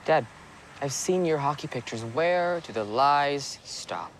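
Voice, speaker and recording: An actor playing a sheepish, disillusioned son in a family sitcom, deadpan and slow. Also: male voice, fairly high pitch, slight background noise. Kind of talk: sitcom acting.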